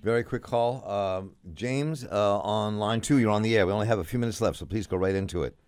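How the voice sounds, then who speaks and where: Smooth radio host guy, really low voice, talks quick, dry studio sound. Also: darkish tone, no echo. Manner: brisk, keeps the show moving. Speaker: radio talk show host. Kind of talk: smooth radio host delivery, moderating a call-in interview. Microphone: studio mic.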